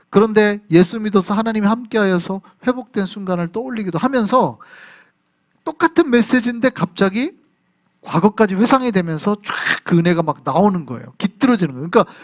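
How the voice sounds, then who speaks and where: Korean pastor guy preaching, really expressive, jumps all over the pitch, pretty high voice. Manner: animated preaching, acts out voices and reactions. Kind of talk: sermon. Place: church sanctuary.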